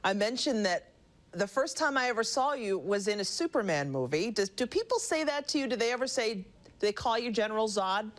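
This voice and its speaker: A woman's voice: fairly high pitch, expressive, a little fast. A woman interviewing a guest in a conversational, admiring and effusive way, often feeling for her phrasing.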